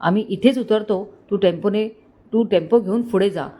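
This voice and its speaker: A woman's voice: mid-range voice, normal speed, warm tone, close to an everyday voice. A woman storyteller voicing a blunt, curt young man in a spoken story. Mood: decisive. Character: irritable young man, jolted awake.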